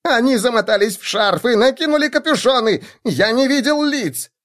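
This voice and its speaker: Shrill, panicky male halfling voiced by a man; high and whining. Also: lively intonation, moderate pace, a bit bright. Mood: panicked. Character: shrill frantic male halfling thief boss.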